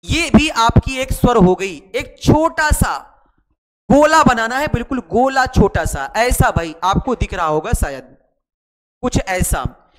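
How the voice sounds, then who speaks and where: A man's voice: very high-pitched, fairly bright tone, big-room sound. A man teaching shorthand in a chatty online lesson, repeating words and asking and answering his own students' questions. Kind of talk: online lesson, explaining while writing.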